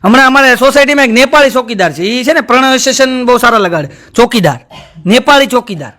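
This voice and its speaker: High-voiced man doing stand-up. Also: animated, quick pace, sharp tone. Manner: storytelling, addresses audience as sir, mimics voices. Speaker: stand-up comedian. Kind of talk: live stand-up jokes and moral talk. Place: stage before a live audience.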